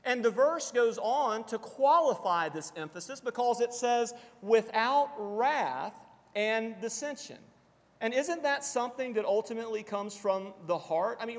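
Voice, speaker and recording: A man preaching a sermon to a congregation, explaining scripture in a measured teaching manner and slowing down for quotations. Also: sits high. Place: church assembly hall. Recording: long reverb of a church hall.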